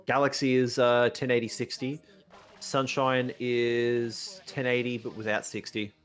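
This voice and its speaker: A man's voice: medium pitch, measured pace. Profane, casual young man chatting over gameplay. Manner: casual, profane, animated opinions on game tech. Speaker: co-host of a gaming playthrough. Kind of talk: casual chat while playing a video game.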